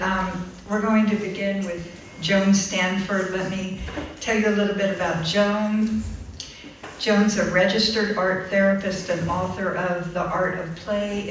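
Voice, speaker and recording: A woman hosts a live open mic and introduces the evening's poet in a casual, halting manner, filling her gaps with ums. Her voice sits a little low. She sounds distant from the mic in a very reverberant room with faint ambience behind her. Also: slight background noise.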